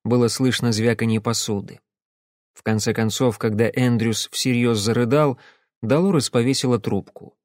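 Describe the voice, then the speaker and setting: A man's voice: medium pitch, fairly even intonation, moderate pace, darkish tone. Guy reading an audiobook, dry understated, mid voice, no echo. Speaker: audiobook narrator. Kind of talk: scripted first-person narration.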